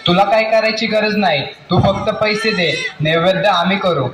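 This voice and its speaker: A man's voice: sits high, moderate pace, natural voice. A man playing a scheming, greedy fake holy man in a village drama. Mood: commanding. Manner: commanding, solemn. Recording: echoey room with crowd noise.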